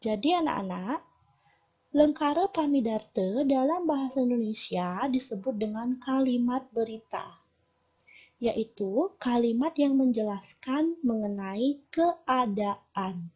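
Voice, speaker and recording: Slow, patient Balinese woman teaching children. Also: a little high, lively intonation, darkish tone, breathy edge. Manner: slow, patient explaining to children, shifting between Balinese and Indonesian. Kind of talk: recorded language lesson for children. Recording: dull lo-fi recording.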